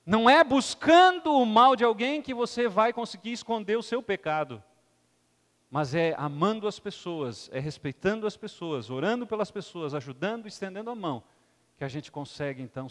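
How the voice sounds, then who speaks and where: Emphatic Brazilian pastor, high voice. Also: male voice, a bit bright, long reverb tail. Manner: emphatic, repeating tag questions. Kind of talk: sermon. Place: church sanctuary.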